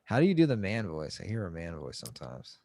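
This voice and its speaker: Deep-voiced man, joking podcast host. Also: huge pitch swings, quick pace, no room sound. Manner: joking, swears often, loud mock outbursts. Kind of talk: casual comedic chat.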